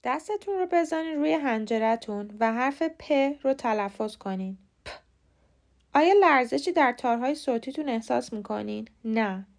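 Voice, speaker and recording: A woman hosting a short podcast lesson, explaining pronunciation in clear, patient steps. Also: a little high, lively intonation, few pauses. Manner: clear, patient step-by-step instruction. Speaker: podcast host teaching English pronunciation. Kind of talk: scripted lesson narration.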